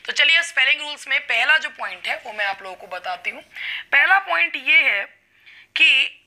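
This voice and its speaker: A woman teaching an English spelling lesson, explaining slowly and drawing out her example words. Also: high-pitched, animated, sharp tone. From India. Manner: slow, drawn-out explanations with stretched example words. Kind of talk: classroom lesson.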